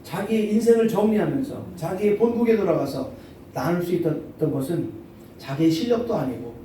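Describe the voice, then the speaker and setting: Middle-aged pastor with a very mellow voice. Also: male voice, high-pitched, animated, a little hiss or hum. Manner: storytelling, halting with many fillers. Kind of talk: sermon. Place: church sanctuary. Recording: echoey church hall from far off.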